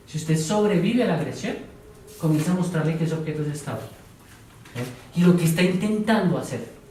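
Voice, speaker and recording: A man's voice: fairly high pitch, a little mellow, slight background noise. Man lecturing in a very echoey classroom. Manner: asks the class questions and repeats their answers; tells examples step by step, now and then playing a teacher or patient. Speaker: psychology lecturer. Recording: very echoey room, voice from far off.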